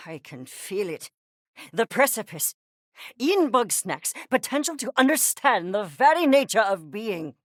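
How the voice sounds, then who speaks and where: Voicing a haughty, eccentric furry creature scientist for a video game, a woman delivers verbose, condescending, theatrical lines with crisp articulation. Her medium-pitched voice swings widely in pitch at an unhurried pace, sounding intense and fascinated. The studio-quality recording is dry.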